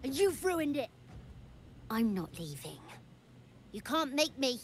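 A woman's voice: high voice, very animated, takes it slowly, slight background noise, full character voice. A woman voicing a lonely, defiant shadow child in a video game, speaking in a petulant, childish way. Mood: upset, defiant.

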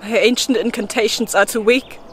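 A woman's voice: on the high side, fairly even intonation, a little hiss or hum, lightly acted. A woman playing a desperate young Joan of Arc in a theatrical Shakespeare monologue, pleading with spirits. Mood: despairing, defeated. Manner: slow, theatrical, swinging between hushed and imploring. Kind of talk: solo Shakespeare monologue, dramatic recitation.

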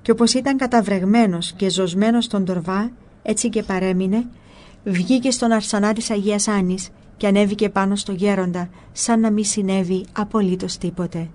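A woman narrating a spiritual book in a calm, measured storytelling voice. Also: medium pitch.

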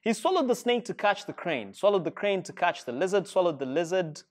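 Reading a rhyming picture book aloud to children seated in a school reading room, a middle-aged Ugandan-accented storyteller keeps things playful and encouraging. His voice is high, with big pitch swings and a brisk pace.

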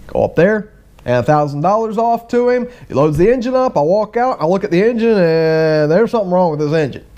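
A middle-aged man with a somewhat high-pitched voice tells a personal story in a loose, conversational way. He slips into the voices of the people in his story, moving quickly between narration and quoted dialogue. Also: highs cut off. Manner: animated, acts out both sides of conversations. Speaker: vlogger. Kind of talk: casual storytelling.

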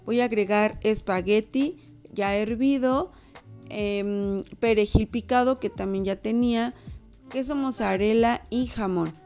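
A woman's voice: mid-range voice, measured pace, a little mellow, soft background music. Chatty woman narrating home vlog. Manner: chatty, self-correcting, addresses viewers as girls. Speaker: home decor vlogger. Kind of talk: casual voice-over narration.

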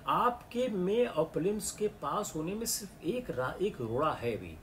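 A middle-aged man with an Indian accent, lecturing a class of exam candidates and switching into slow, careful English. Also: high voice, very animated, a bit bright, slight background noise. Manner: mixes English into the talk, slow and deliberate in English. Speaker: civil services exam lecturer.

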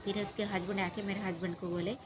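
A woman telling a true story from her own life, halting and searching for words, with a wistful tone. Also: medium pitch, little pitch movement, background noise. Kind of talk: emotional personal storytelling.

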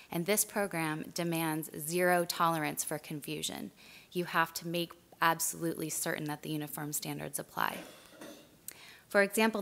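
A woman giving formal public testimony at a board meeting, firm and measured, with some "um"s, speaking into a table mic in a large meeting room. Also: lowish voice, a bit bright. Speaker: public commenter for a law advocacy center. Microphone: table microphone.

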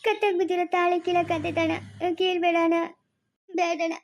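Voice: extremely high pitch, flat delivery, fairly quick. Someone acting a sobbing young bride. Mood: tearful pleading. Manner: sobbing, pleading. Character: tearful young bride pleading with her brother, woman. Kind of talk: family village drama.

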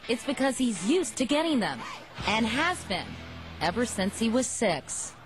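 A woman's voice: fairly high pitch, sing-song, a little slow. A woman narrating a scripted entertainment news feature in a polished, wry tone. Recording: music bed under voice.

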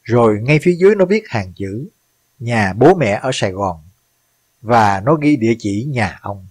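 A man's voice: medium pitch, animated, moderate pace, a little mellow, breathy edge, no room sound. A man voicing an older former soldier who earnestly recounts a war memory. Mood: solemn. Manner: earnest, solemn storytelling.

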